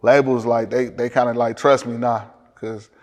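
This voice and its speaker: A man with a Detroit accent talks casually as a music producer being interviewed. His phrasing is streetwise, slangy and full of swearing. His voice sits at an average male pitch, with long room reverb around it. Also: flat delivery, normal speed. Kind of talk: casual chat.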